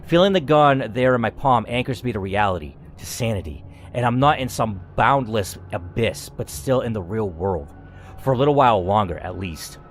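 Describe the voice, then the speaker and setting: This gaming host narrates a scripted story aloud, giving it a theatrical, dramatic reading full of expression and asides. His voice is on the low side and his pace normal. Some slight noise sits in the background.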